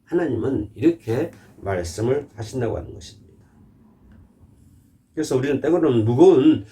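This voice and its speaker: Low-toned man preaching with a lively pitch. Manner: acts out God's words in quoted lines; measured, repetitive preaching cadence. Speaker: pastor. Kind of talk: sermon.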